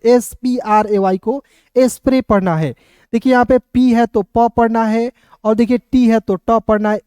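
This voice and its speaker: A man's voice: very high voice, mellow, clean tone, dry recording. A male teacher giving an online phonics lesson, spelling words out letter by letter, asking the viewers questions and answering them himself. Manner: addresses viewers as friends, asks and answers own questions.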